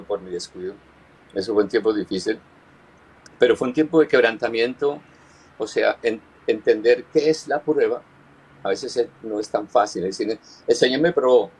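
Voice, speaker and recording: A man speaks as a pastor sharing his personal testimony. His voice sits fairly low and carries a husky edge. He talks earnestly and haltingly, circling back and repeating words as he tells his story. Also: a little mellow, rough recording.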